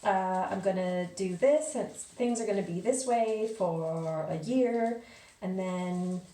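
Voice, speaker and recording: Woman, casual vlog chat, slow unhurried talk, rambling with fillers, strong bathroom echo, a bit off-mic. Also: mid-range voice, mellow, recorded from a distance. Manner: chatty, rambling, with many fillers. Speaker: vlogger. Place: small home bathroom with echo.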